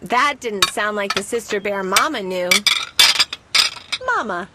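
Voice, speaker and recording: A woman narrating a children's picture-book story in an expressive read-aloud manner. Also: mid-range voice, normal speed, heavy background noise.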